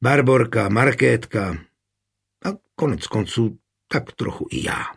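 A man reading the part of a calm, wry, confident suitor in an audiobook, with a husky voice. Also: mid-range voice.

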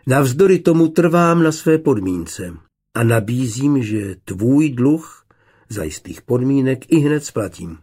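A man voicing a shrewd, confident young glassmaker who bargains calmly, in an audiobook. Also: medium pitch, slightly rough. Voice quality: calm, measured.

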